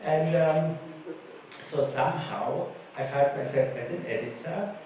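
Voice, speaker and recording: Medium in pitch and darkish in tone, this man's voice moves a little slowly as he tells relaxed stories. He is a conference panelist from Germany with German as his first language, speaking at a conference talk. Echo fills the conference hall, the mic sits far off, and slight noise is audible.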